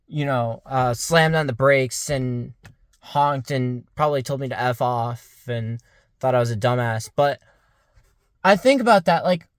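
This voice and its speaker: On a dry, studio-quality recording, a roughly twenty-year-old male vlogger with a voice on the high side muses casually, wandering from thought to thought and filling gaps with "like."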